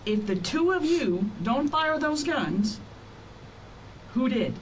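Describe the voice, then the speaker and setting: A woman's voice: high voice, big pitch swings, takes it slowly. A woman police detective conducting an interrogation, firm and pressing, repeating her key points. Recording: distant interview-room mic with faint noise.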